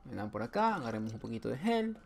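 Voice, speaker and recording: A man's voice: medium pitch, big pitch swings, fast talker, vocal fry, a little mellow. A man commenting his way through a horror video game, joking, talking back to the game and letting out sudden yelps. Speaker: gameplay streamer. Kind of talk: playthrough commentary.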